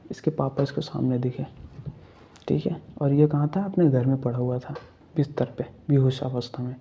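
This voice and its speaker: A man's voice: on the high side, dark tone, dull audio, a little hiss or hum. A man narrating a ghost story in a chatty, casual way, talking to his viewers and checking in with fillers. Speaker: horror storyteller. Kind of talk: casual spoken horror narration.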